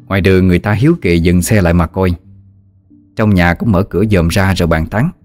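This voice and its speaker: Man, ghost story narration, very deep voice, faint background music. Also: a little fast. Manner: steady, vivid storytelling.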